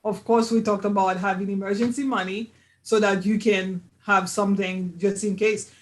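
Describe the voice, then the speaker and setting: Casting: high-pitched male host, emphatic, keeps asking "right?", live online chat. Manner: emphatic, checks agreement with repeated "right?". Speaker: host of money talk show. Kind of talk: casual panel chat.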